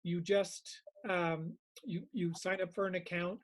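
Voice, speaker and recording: A man's voice: high voice, steady tone, a little slow. A man teaching meditation informally, reflective and repeating phrases for emphasis.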